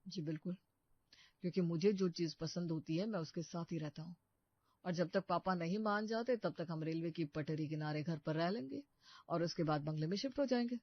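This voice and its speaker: Playing a cartoon character, a young working-class brother who schemes to protect his family by pretending to be a wealthy suitor, this man speaks a little fast in a fairly high voice. His delivery is confident and earnest, with a smooth, bragging mood. The studio take is muffled and dry, with no echo.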